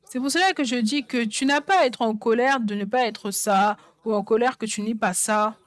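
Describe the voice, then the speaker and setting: A woman preaches a sermon in a fairly high voice. She drives her points home by repeating phrases again and again, and the sound is dry and close. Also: moderate pace, no room sound. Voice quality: songwriter speaking of her own songs. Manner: emphatic, repeats phrases for stress.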